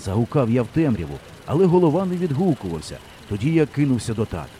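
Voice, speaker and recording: A male audiobook narrator with a dark, mellow voice. He reads with lively, animated intonation that rises and falls with the story. A faint noise sits under the recording. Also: mid-range voice, fast. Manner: expressive storytelling reading. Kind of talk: scripted narration.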